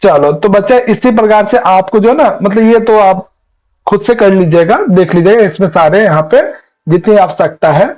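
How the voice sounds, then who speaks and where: High-voiced man teaching Sanskrit grammar. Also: moderate pace, a little mellow, poor audio. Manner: patient, keeps asking students questions. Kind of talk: online class teaching. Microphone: online class.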